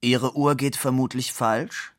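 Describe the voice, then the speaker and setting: A man's voice: mid-range voice, steady tone, measured pace, no echo, clean studio sound, pitched above the performer's own voice, lightly acted. A man reading aloud who voices a stern, stout older office director, stiff and reproachful.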